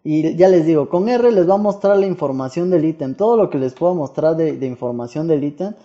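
Dark-voiced man explaining a game mod. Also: on the high side, animated, a little fast, muffled recording. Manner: chatty, full of fillers and self-corrections; asks himself questions aloud in a playful way. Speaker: YouTube gaming channel host. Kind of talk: casual Minecraft mod tutorial.

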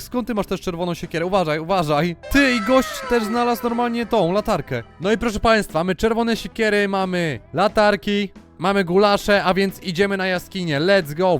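A young man giving lively, excitable commentary while playing a video game and talking to his viewers. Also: high voice. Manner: exclaims often, addresses the audience. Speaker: gaming YouTuber. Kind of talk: excited Let's Play commentary.

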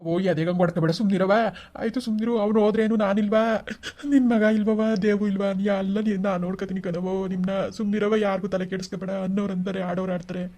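A woman's voice: mid-range voice, fairly even intonation, quick pace, warm tone, natural voice. A woman voicing a grown son in a cartoon family drama, soothing and urging his mother. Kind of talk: cartoon voice acting.

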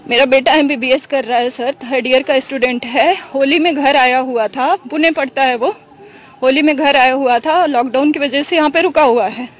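Distressed high-voiced middle-aged woman. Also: fairly even intonation, moderate pace. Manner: distressed, pleading, tells events at length. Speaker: mother of a hospitalized patient. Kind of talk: emotional on-street news interview.

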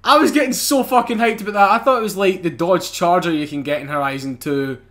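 A British man commentating casually over a racing game, excitable, swearing and laughing often. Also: sits high, fast talker. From United Kingdom. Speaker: gaming channel host. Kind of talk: casual let's-play commentary.

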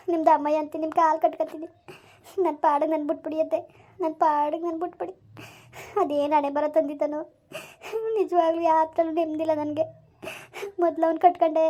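A woman's voice: high voice, a little mellow, muffled recording, lightly acted. A woman playing a wronged young village wife, pleading and tearful in a family drama. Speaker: daughter-in-law Sunita in a family skit.

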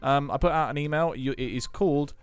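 A man's voice: on the high side, a little fast, smooth. A man chatting casually as co-host of a podcast, with jokey asides. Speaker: podcast co-host, school tech staff.

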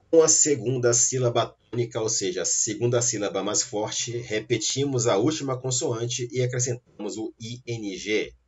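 Slow, husky-voiced male English teacher. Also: mid-range voice. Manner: slow, careful explanations, spelling out letters. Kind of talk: language lesson. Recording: dull lo-fi recording.

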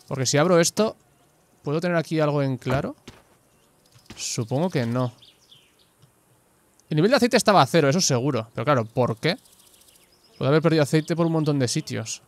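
Male gamer, excitable and sweary, fairly high voice, live gameplay commentary. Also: brisk, pauses often. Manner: excitable, swears often, shouts at the screen.

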